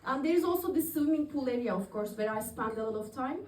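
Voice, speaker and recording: Onstage at a comedy club with an audience present, a Turkish woman in her thirties does chatty open-mic stand-up and laughs at her own jokes. She speaks fast in a high, expressive, darkish voice, picked up from a distance in an echoey room.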